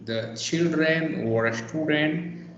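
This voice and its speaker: A man's voice: on the high side, slow pace, gravelly, fairly bright tone. A man tutoring a student in on a video call, patiently explaining and repeating words to model their sound. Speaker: English teacher. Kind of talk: online one-on-one tutoring. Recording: echoey, dull video call audio.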